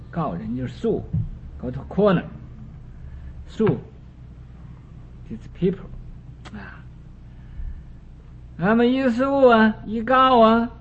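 A man preaching by telling a parable. He talks in a slow, halting way with many fillers and drops English words into his speech. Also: fairly high pitch, narrow, tinny audio, slight background noise. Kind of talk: storytelling sermon.

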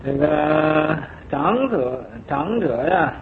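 A man giving a Buddhist sutra lecture, explaining slowly and filling pauses with drawn-out syllables. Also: on the high side, lively intonation, creaky, crowd noise. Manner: slow explanatory, many drawn-out filler syllables. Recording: tinny lo-fi recording with audience.

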